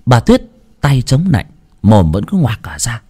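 A storyteller narrates a dramatic family story at a mid pitch. The intonation is hugely lively and rises and falls from line to line. The delivery is expressive throughout. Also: a little slow, breathy edge.

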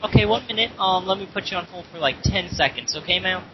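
A man posing as a phone operator on a prank call, talking in a halting way full of ums and uhs over a phone connection. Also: sits high, animated. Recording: muffled phone line with loud hiss.

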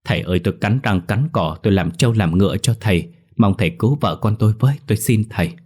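A man voicing a poor village father who stammers and begs in a rushed, pleading way in a storybook ghost tale. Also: on the low side, darkish tone, husky.

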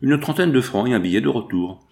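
A man voicing a gentle young wounded seamstress in a soft, faint way. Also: medium pitch, lively intonation, a little fast, creaky. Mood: weak.

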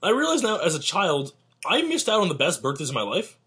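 Fast-talking husky young man. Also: a little high, huge pitch swings, fairly bright tone. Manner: rambling, jokey, restarts sentences. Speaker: podcast co-host. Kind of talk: casual chat.

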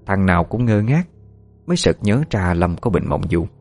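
A man narrates a horror story in a measured way. His voice sits on the low side, and faint music plays underneath. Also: big pitch swings, a little mellow.

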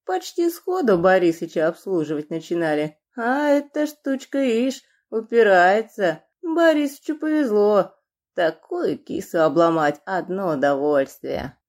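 A woman's voice: mid-range voice, expressive, measured pace, a little mellow. A woman voicing a burly, crude male thug who mocks and leers, in an audiobook. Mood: mocking. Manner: mocking, leering. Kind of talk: audiobook character reading.

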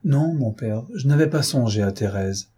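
A man voicing a gentle, loving young daughter who speaks in a soft, earnest way. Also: medium pitch, expressive, normal speed, husky. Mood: tender.

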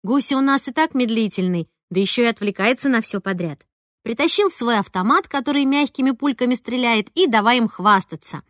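A woman narrating a first-person audiobook in a lively, conversational way. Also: fairly high pitch, a little fast, no echo, clean studio sound. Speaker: audiobook reader.

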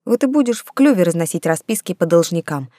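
A woman's voice: on the low side, expressive, quick pace, warm tone, no room sound, clean studio sound. A woman voicing a sarcastic male talking rat, grumbling and snide.

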